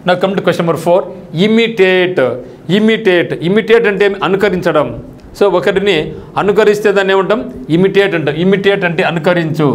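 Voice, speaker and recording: A male teacher who explains English vocabulary for an exam, asking rhetorical questions and mixing in casual local speech. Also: high-pitched. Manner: explains English words in Telugu with colloquial asides and rhetorical questions. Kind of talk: exam-prep vocabulary lesson.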